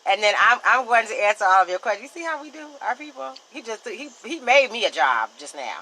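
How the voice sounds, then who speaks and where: A young woman host with a Southern American accent, lively and quick in casual interview talk. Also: on the high side, low-quality recording. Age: young adult. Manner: lively, talks fast.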